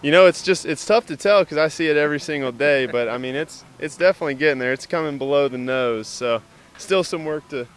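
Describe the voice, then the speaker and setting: A man, a pitcher, answering an interview question in an easygoing, hesitant way. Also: fairly quick, clean tone. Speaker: baseball pitcher.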